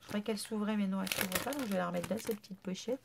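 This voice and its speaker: Woman vlogger with a cold-stuffed nose and a creaky, gravelly tone, chatty and full of praise. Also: mid-range voice, steady tone, rapid-fire, noisy background. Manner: gushing, chatty, lots of fillers. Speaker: scrapbooking vlogger. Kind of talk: casual unboxing chat.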